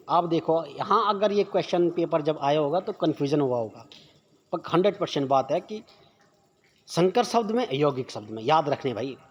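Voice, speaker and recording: A man's voice: on the high side, breathy edge. A man teaching exam prep questions, who keeps asking rhetorical questions and answering them himself.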